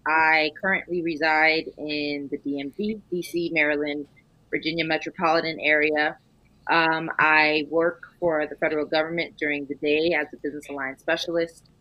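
A woman in her thirties on a video call panel, speaking in a measured, explanatory way from her living room. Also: sits low, flat delivery, pushed and bright, dry recording, lo-fi sound. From New York. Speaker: panel guest. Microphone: video call webcam.

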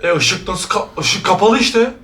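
A woman hosting a horror reaction video, jumpy and excitable, shrieking, laughing nervously and talking straight to her viewers. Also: medium pitch, a little slow, echoey room. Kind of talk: reacting to a horror short film.

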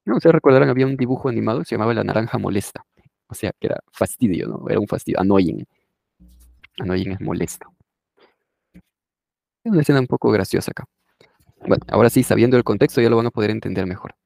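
A man's voice: lowish voice, quick pace, vocal fry, pauses often, a little mellow, dry recording, clean studio sound. A man teaching an English class who explains in a conversational way and often checks in with his listeners. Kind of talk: explaining a lesson.

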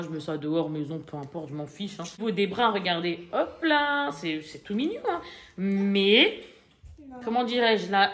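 A woman's voice: fairly high pitch, fairly bright tone. Chatty French-speaking woman, haul vlog. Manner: chatty, talks straight to viewers, many fillers and asides. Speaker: vlogger showing a shopping haul. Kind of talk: casual haul vlog chat.

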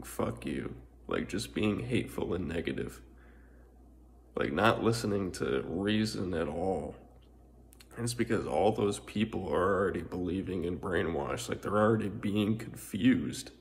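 Deep, creaky-voiced man; rambling, filler-heavy, profane monologue. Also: expressive, measured pace. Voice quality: frequent filler words and swearing, repetitive. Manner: meandering, restarts, occasional laughs.

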